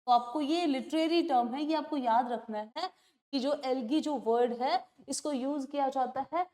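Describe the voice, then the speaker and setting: High-voiced woman teaching an exam class. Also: dark tone. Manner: explains in Hindi mixed with English, asks "clear?" and reads definitions slowly. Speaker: English teacher. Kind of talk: exam-prep lecture.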